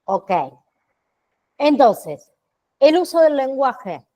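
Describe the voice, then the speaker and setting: A woman teaching an online class, speaking slowly and deliberately, pausing on fillers and often checking in with her students. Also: sits high, very animated, mellow. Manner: checks in with frequent "¿sí?" tags; slow and deliberate, with pauses and fillers.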